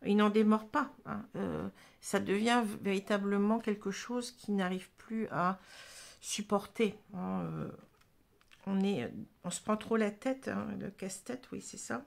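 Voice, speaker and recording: A woman giving a casual tarot reading, talking in halting phrases with many fillers and restarts. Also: medium pitch, fairly even intonation, creaky. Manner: halting, full of "hein" and "vous voyez", restarts. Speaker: tarot reader.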